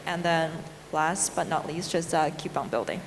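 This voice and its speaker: A woman speaking on a conference panel in a measured, slightly hesitant way. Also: low voice. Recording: distant hall with clear noise.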